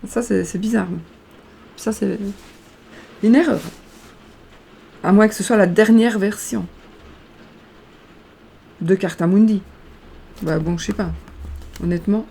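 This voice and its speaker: A woman's voice: medium pitch, fairly even intonation, a little slow, creaky, long pauses, mellow, a little hiss or hum. A woman reading fortune cards aloud in a casual tutorial, hesitant and stumbling over her words. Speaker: card reader.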